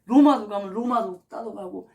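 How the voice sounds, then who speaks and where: A woman Bible teacher preaching with heat and emphasis in a loose, colloquial way. Her voice sits at an ordinary middle pitch. She acts out angry quoted voices as she goes. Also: normal speed, creaky, darkish tone. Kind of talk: impassioned Bible study preaching.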